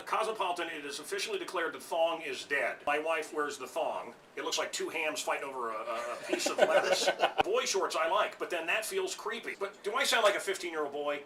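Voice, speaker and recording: A man hosting a morning radio show, teasing and joking loudly with his guest. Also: on the high side, noisy background. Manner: teasing, loud and brash. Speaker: radio host.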